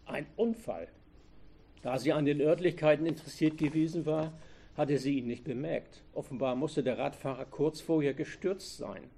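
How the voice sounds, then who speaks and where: Brief: a male story reader with a slightly high voice, steady narration and occasional slips. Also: moderate pace, gravelly. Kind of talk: story reading aloud.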